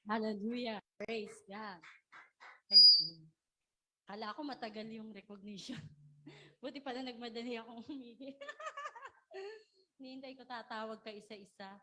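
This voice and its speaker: A woman pastor, preaching a sermon in a lively, laughing way and calling on the congregation to shout. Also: fairly high pitch, a little slow, long pauses. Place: church service.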